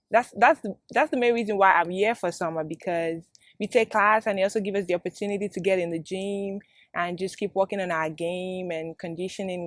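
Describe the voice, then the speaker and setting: Steady young woman from Nigeria. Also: medium pitch, no room sound, studio quality. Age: young adult. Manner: steady, repeating "so". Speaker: student athlete. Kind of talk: casual testimonial.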